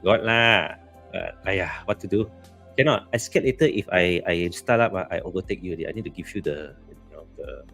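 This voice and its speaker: Deep, gravelly Malaysian man chatting live. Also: brisk, a bit bright, faint music behind. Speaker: co-host of a live stream. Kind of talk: casual live chat.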